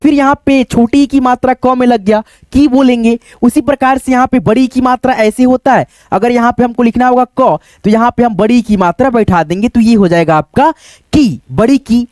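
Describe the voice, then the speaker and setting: A man's voice: very high-pitched, steady tone, fairly quick, few pauses, a little mellow, dry recording. A man teaching beginners at a board, patiently repeating and counting aloud.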